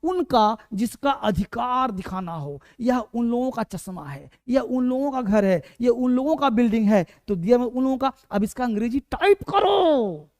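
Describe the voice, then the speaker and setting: A man's voice: very high voice, animated, moderate pace, few pauses, darkish tone. A man with a Hindi accent teaching an online English class, repeating words over and over as he drills their pronunciation. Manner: repetitive, drills pronunciation aloud.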